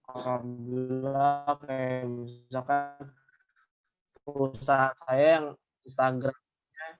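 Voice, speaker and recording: A man's voice: mid-range voice, takes it slowly, clean tone, faint music behind. A man speaking casually in an online interview, his voice breaking up and cutting out over a bad connection, rambling with fillers. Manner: relaxed, rambling, frequent fillers. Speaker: interview guest, former course student. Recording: dull lo-fi online call audio.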